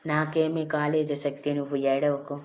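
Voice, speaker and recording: A weak, feverish young man, as a woman reads him, speaking faintly in a storybook. The low voice barely moves in pitch. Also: flat delivery, moderate pace, a little mellow, roomy sound, close to an everyday voice. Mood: weary. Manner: faint and weary.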